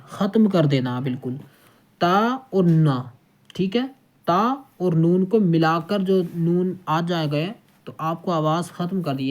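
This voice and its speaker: A man's voice: high voice, darkish tone. Patient man drilling syllables. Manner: drills each syllable three times, patient and repetitive; keeps checking with "okay?". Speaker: Quran reading teacher. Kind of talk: children's recitation lesson.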